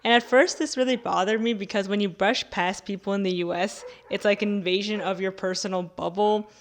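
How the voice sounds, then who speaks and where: This young American video creator answers viewer questions in a relaxed, conversational style, sprinkling in fillers like "like" and "you know." Her voice sits at a medium pitch with fairly even intonation and a slightly fast pace, and there's a bit of background noise.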